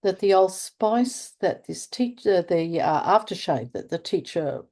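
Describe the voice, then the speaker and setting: An older Australian restorative practice trainer speaks in a fairly low, expressive, slightly mellow voice at a measured pace. During a conversational interview she is earnest, sometimes searching for words, and underlines her key points.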